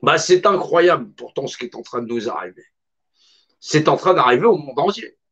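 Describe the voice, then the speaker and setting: The lo-fi, dull-sounding clip captures a middle-aged man in a passionate monologue at a moderate pace. His slightly high voice is a bit bright with lively intonation, a little raised, and he speaks colloquially and emphatically, repeating key phrases again and again.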